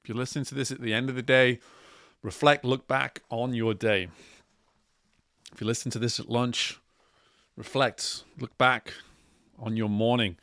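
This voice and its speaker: A man speaking as a coach and host in a motivational monologue, deliberate and emphatic, repeating key phrases. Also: mid-range voice, flat delivery, fairly bright tone, no room sound, studio quality.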